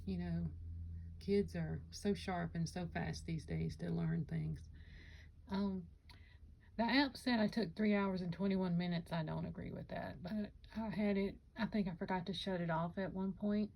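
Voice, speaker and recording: A woman's voice: on the low side, fairly even intonation, normal speed, gravelly, a little mellow, poor audio. A woman chatting casually to camera about her Lego builds, rambling and correcting herself, with hiccups. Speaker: Lego vlogger. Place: home Lego room.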